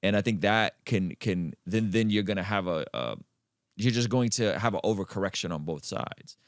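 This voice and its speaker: Deep-voiced emphatic male podcast host. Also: moderate pace, no room sound, clean studio sound. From Azerbaijan. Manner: emphatic, jumps up in pitch to stress points. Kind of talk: conversational podcast interview.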